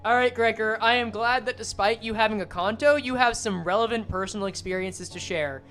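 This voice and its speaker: A woman streamer commenting excitedly on a game, swearing freely and bursting into loud exclamations. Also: a little high, fairly quick. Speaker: streamer reading and reacting to a game. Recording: game music behind the voice.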